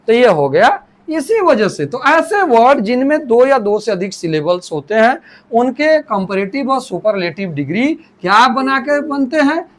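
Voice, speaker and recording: A man teaching a grammar lesson, often repeating himself and restarting phrases, slowly dictating sentences and breaking words into pieces. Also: extremely high pitch.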